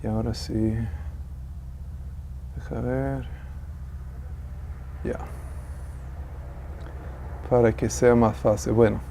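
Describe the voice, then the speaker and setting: A man's voice: mid-range voice, little pitch movement, extremely slow, creaky, pauses often, warm tone, a little hiss or hum. A man teaching a classroom Bible lesson, thinking aloud, correcting himself and asking the class questions.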